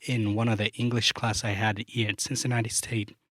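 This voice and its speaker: With a lowish voice and a slightly fast delivery, a young Luganda-speaking man from Uganda chats as a podcast guest. The software developer keeps it relaxed, dropping plenty of fillers such as "like" and "you know."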